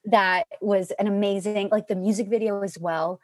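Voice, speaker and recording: A woman's voice: mid-range voice, steady tone, moderate pace, darkish tone. A woman joining a casual music podcast over a video call, giggly and enthusiastic. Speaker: podcast guest. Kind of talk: casual chat over drinks.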